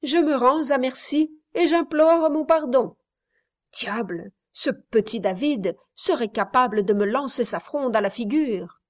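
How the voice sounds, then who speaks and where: Woman voicing a vain young gent in a storybook, theatrical, slow and higher. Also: animated. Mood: mock pleading. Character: vain, teasing young gentleman.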